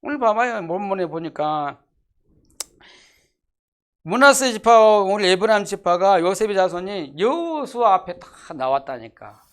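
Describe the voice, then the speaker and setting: A pastor preaching a sermon, emphatic and repetitive, asking the congregation rhetorical questions and dropping from loud declarations to hushed asides. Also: medium pitch, sing-song, a little slow. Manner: emphatic, repeats key phrases, asks the congregation rhetorical questions. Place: church sanctuary.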